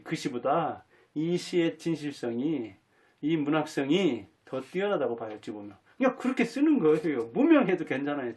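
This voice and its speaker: Man, 50s-60s, channel host; earnest and folksy solo talk, voice sits a bit high. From Jinan, North Jeolla, Korea. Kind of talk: solo reflective monologue.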